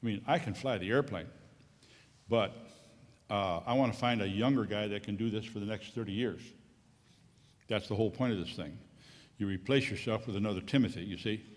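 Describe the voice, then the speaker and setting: A man's voice: lowish voice, fairly quick, long pauses. A middle-aged man giving a rambling, folksy missionary report to a church congregation, coughing now and then. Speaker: missionary pilot. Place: church sanctuary. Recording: long church hall reverb.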